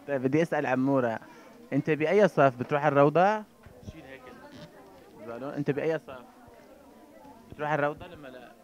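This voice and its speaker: A man in his thirties with a Syrian Arabic accent, a TV reporter interviewing children and parents in a shop, playful with the kids and warm with adults. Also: a little high, fast talker, long pauses, lo-fi sound. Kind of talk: street interview. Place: busy indoor children's clothing shop. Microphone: handheld reporter mic. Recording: crowd chatter behind.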